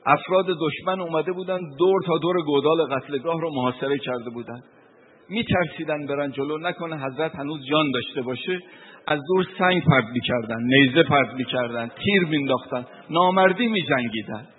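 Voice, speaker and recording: A man's voice: fairly high pitch, breathy edge. A man delivering a mournful sermon, telling a grieving story and reciting Arabic passages. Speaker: preacher. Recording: tinny phone-like broadcast.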